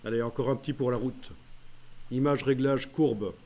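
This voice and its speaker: Male software trainer, mellow tone, talks through each menu step with frequent hesitations. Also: mid-range voice, steady tone. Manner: walks through menu steps aloud, many "euh" pauses. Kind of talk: screen-recorded tutorial.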